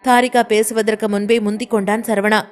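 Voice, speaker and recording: A woman's voice: mid-range voice, flat delivery, fairly quick. A woman reading a romantic audio story aloud with dramatic, emotive delivery. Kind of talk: scripted narration.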